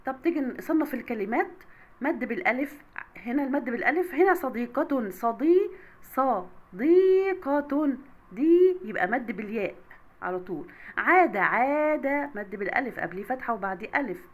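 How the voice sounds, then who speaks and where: A woman with an Egyptian accent teaching children an Arabic grammar review, sounding words out slowly and patiently. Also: fairly high pitch, lively intonation. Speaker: primary school Arabic teacher.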